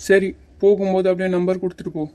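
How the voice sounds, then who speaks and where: A woman voicing a calm, teasing young male hero in a cartoon series. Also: fairly low pitch, fast talker, noisy background, close to an everyday voice. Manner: teasing, patient, a little bossy. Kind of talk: Tamil cartoon series voice acting.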